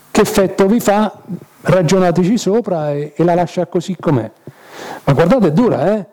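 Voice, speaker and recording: A man's voice: sits high, dark tone. A man teaching an informal Bible study, chatty and jokey, tossing in rhetorical "eh?" asides.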